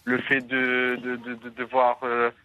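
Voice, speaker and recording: A man's voice: medium pitch, monotone, measured pace, sharp tone, no room sound. A man calling in to a radio talk show over a landline phone, giving his view earnestly and thinking aloud as he goes. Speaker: caller. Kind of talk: radio call-in comment. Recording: dull lo-fi phone line.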